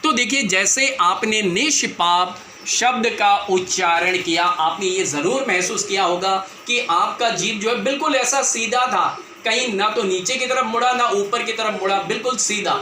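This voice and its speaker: A man's voice: sits high, moderate pace, few pauses, pushed and bright. A man teaching a grammar lesson to viewers, explaining patiently and repeating himself often. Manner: patient, repetitive explaining, addresses viewers as children. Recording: echoey room, faint background noise.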